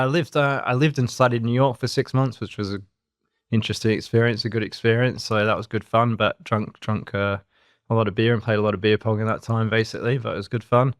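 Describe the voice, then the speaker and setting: A man in his thirties with an Australian accent, co-hosting a podcast and telling his story in a relaxed, rambling way. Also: on the low side, no room sound, studio quality. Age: 30s. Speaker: co-host. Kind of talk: casual podcast chat.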